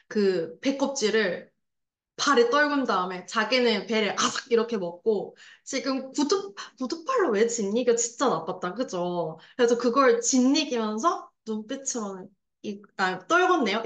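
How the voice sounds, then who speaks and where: Animated woman teacher, echoey room. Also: a little high. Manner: lively, acts out scenes with sound effects and voices; chatty asides, addresses students directly. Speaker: Korean language teacher. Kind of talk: online lecture explaining a literary passage.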